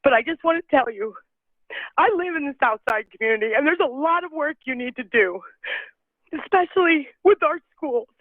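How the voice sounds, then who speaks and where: Woman caller, feverish, emotional and urgent, high-ish voice, tinny dry phone line. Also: animated, dry recording. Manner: emotional, rapid, voice rising and breaking. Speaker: public commenter calling in. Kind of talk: emotional public comment.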